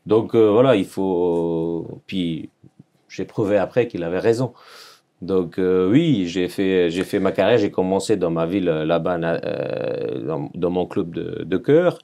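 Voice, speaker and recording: Recounting his life in a podcast interview, a Serbian man in his forties speaks at a measured pace in a deep voice with a dark tone. His earnest French carries a Serbian accent, and he repeats phrases while searching for the right words.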